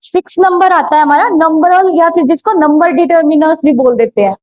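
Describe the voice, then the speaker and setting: A woman's voice: sits high, moderate pace, no room sound. A woman teaching grammar in a classroom lecture, explaining step by step and posing rhetorical questions. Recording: dull, slightly lo-fi, dry sound.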